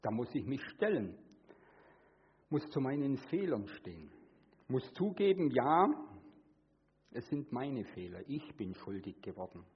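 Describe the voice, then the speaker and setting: Male preacher, husky voice, lively pitch, sermon, dull lo-fi sound. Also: unhurried, long pauses. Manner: earnest, shifts between hushed and emphatic; acts out quoted voices with sudden high pitch.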